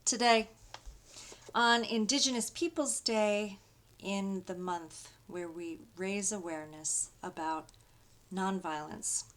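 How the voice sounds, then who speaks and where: A woman pastor giving a sermon and reading poetry aloud, in a slow, rhythmic, incantatory delivery built on repeated refrains. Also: medium pitch, fairly bright tone.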